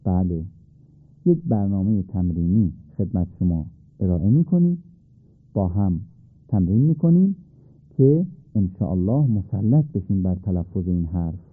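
A man's voice: low voice, animated, long pauses, no echo, faint music behind. A man teaching Quran recitation on a radio lesson, polite and patient, asking his listeners questions and answering them himself. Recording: tinny phone-like radio recording.

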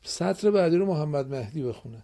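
A man's voice: a little high, expressive, mellow. A man teaching Quran reading on a radio program in a studio, patiently quizzing and encouraging his students. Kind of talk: radio classroom lesson.

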